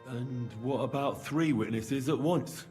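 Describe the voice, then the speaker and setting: An actor voicing a practical, reassuring schemer in a video game, conversational and persuasive. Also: male voice, medium pitch, a little slow, a little mellow, soft background music, close to an everyday voice. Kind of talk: video game dialogue acting.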